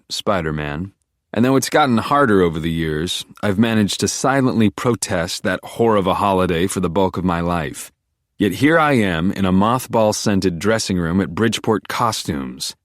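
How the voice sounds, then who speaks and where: Deep-voiced man narrating an intense audiobook. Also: dry recording, studio quality. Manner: intense, brooding inner monologue. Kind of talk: first-person audiobook narration.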